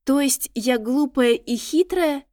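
A woman's voice: a little high, steady tone, fairly quick, dry recording, clean studio sound, natural voice. A woman voicing a proud, capricious young noble lady who speaks sharply and indignantly, in an audiobook.

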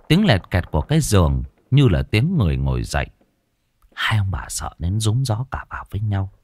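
A man narrating a ghost story in a slow, dramatic, suspenseful way. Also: fairly low pitch, darkish tone, no room sound. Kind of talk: scripted horror narration.

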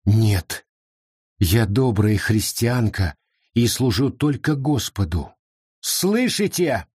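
A man voicing a young woman accused of witchcraft, loudly declaring her faith, in a storybook reading. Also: fairly low pitch, expressive, takes it slowly, husky, no room sound, studio quality, exaggerated voice. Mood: firm. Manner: pleading then defiant, declaiming.

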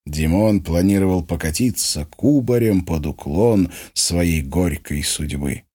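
A man narrating an audiobook in a wry, expressive way. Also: sits low, unhurried, slightly rough.

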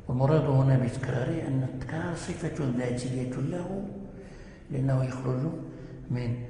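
A man teaching the rules of Quran recitation, explaining in plain speech and chanting example words slowly. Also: medium pitch, dark tone, a little hiss or hum. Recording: echoey hall recording.

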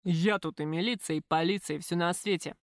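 A woman's voice: lowish voice, fairly quick, dry recording, lightly acted. A woman voicing a drunk, brutish male thug who jeers and threatens, in a dry audiobook reading. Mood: menacing. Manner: rough, jeering.

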